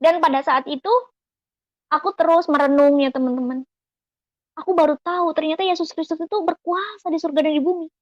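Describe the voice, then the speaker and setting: A woman's voice: high voice, fairly even intonation, brisk, a little mellow, no room sound, highs cut off. A woman giving an earnest, emotional personal religious testimony, often turning to her listeners as friends. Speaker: testimony giver.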